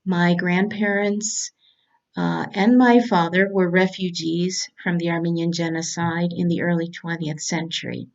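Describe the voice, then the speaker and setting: A middle-aged woman from California, a cancer doctor giving a prepared talk in a measured, earnest way. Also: fairly low pitch, fairly even intonation, gravelly, highs cut off.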